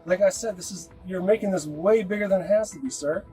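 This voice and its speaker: A male police officer calmly persuading a driver at a traffic stop. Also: high voice, brisk, soft background music. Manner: calm, persuasive. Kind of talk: bodycam conversation. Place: roadside traffic stop, outdoors.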